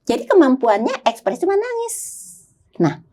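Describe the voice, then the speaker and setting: A woman's voice: high voice, sing-song, normal speed, mellow. An older woman who works as a psychologist, talking in a podcast conversation and telling stories animatedly, acting out her clients' voices.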